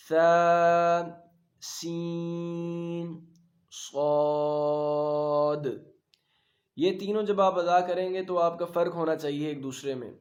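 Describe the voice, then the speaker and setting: Patient male instructor, a touch high-pitched, slow emphatic letter drills. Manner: patient, repeats letters slowly and loudly. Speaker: Quran reading teacher. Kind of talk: beginner recitation lesson.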